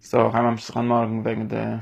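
A man's voice: lowish voice, monotone, racing, vocal fry, husky. A man giving a spoken religious lesson, rambling and restarting, mixing in Hebrew and English words. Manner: mixes Yiddish with English and Hebrew terms. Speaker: teacher.

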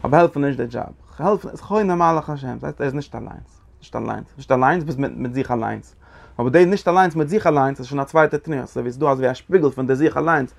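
A man giving a Torah study lecture, halting and repeating his phrases as he works through the text. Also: mid-range voice, creaky. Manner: halting, repeats phrases, mixes Yiddish and Hebrew terms into German. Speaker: Torah teacher.

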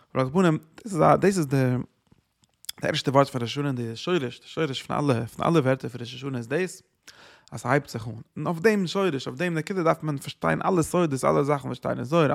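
A man with a gravelly, creaky voice of middling pitch lectures on Talmudic sources as a Torah teacher. He talks emphatically, pushes rhetorical questions, and swings between loud bursts and quiet asides. He slips English words into his speech.

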